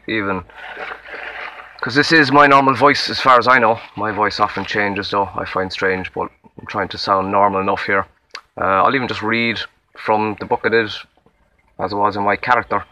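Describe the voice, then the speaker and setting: A young Irish man with a Limerick accent talks through a rambling, self-deprecating audition tape, recorded outdoors in the woods. His voice is low-pitched, yet bright and forceful in tone. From Limerick, Ireland. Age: young adult. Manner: rambling, self-deprecating, with many fillers and restarts. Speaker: acting auditionee. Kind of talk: casual self-introduction to camera. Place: outdoors in a wood.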